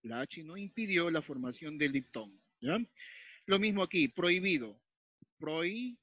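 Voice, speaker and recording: A man's voice: fairly high pitch, lively intonation, normal speed, slightly rough, dry recording. A man from Peru teaching a grammar lesson, explaining step by step, repeating key points and often asking if the class follows. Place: at a whiteboard or tablet, writing as he talks. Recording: dull lo-fi dry recording.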